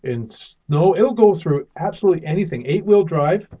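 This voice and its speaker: An upbeat man hosts a casual interview, laughing easily as he goes. His voice sits a bit high for a man. The sound is dull and lo-fi. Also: animated, moderate pace, dark tone. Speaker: radio show host.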